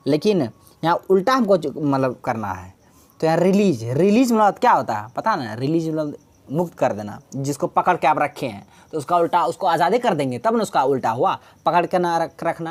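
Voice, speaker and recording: Low-voiced woman teaching English. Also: darkish tone. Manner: explains patiently, repeats key words, asks and answers own questions. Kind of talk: exam-prep English lesson.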